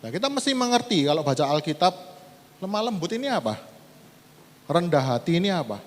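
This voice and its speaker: Animated preacher in a reverberant church hall. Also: male voice, high voice, fairly quick. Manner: conversational preaching, mixing casual slang with scripture reading, animated emphasis. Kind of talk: sermon. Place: church sanctuary.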